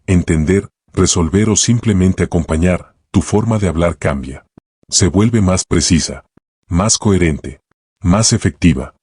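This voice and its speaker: Guy reading a self-help audiobook, low husky voice, slow and calm, short thoughtful phrases. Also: dry recording, clean studio sound. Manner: calm, measured delivery in short reflective phrases. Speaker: audiobook narrator.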